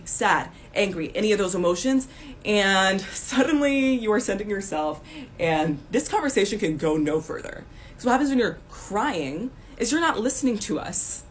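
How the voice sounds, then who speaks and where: A woman's voice: mid-range voice, expressive, moderate pace, a little hiss or hum. Blunt scolding woman ranting to camera. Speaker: commentator. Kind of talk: direct-to-camera rant.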